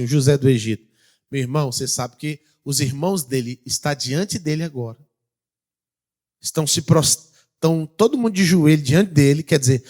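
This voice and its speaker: Preaching with a Brazilian Portuguese accent, a man with a fairly high-pitched voice asks his congregation questions. He moves back and forth between loud calls and quieter passages.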